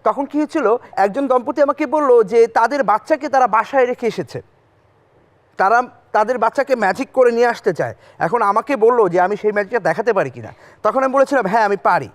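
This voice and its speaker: High-pitched man, children's magician. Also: animated, a little fast. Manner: addresses children with short questions and prompts. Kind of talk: interactive children's stage patter with storytelling. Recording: music playing behind the voice.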